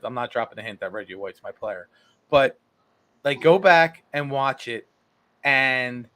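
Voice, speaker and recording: Animated guy on a football podcast, acts out players, bright voice. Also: medium pitch. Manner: animated, acts out players' lines, repeats words. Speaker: podcast co-host. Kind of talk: casual sports chat.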